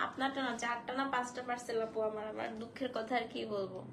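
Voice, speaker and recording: A woman hosting a casual live stream to sell saris, feverish and in pain, speaking slowly and softly and mixing in English phrases. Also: a little high, steady tone, creaky, slight background noise. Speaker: online shop owner selling saris on a live stream.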